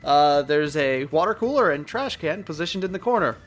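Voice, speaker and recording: A man narrating a tabletop game as game master, describing scenes in an unhurried, halting way. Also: on the high side, expressive, soft background music.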